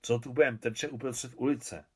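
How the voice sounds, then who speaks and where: A man voicing a brisk, stern older village godmother who talks curtly and disapprovingly. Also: medium pitch, fairly even intonation, a little mellow, slightly rough, close to an everyday voice.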